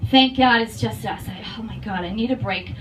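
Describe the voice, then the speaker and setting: A woman voicing a blunt, stressed middle-aged nurse mother with a Boston accent, talking flat and clinical in a comedy story, recorded from a distant, noisy mic. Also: medium pitch, brisk, lightly acted. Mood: frazzled.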